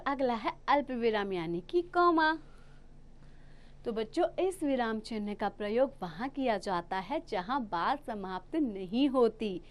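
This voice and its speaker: Woman, high-pitched, young adult, children's grammar teacher, coaxing question-and-answer delivery. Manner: addresses children, asks questions and answers them herself. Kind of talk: recorded children's grammar lesson.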